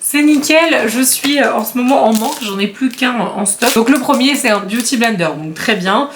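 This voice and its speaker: A woman chatting casually as a beauty vlogger, animated and laughing often while she unboxes products. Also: on the high side, normal speed, a little hiss or hum. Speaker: beauty YouTuber.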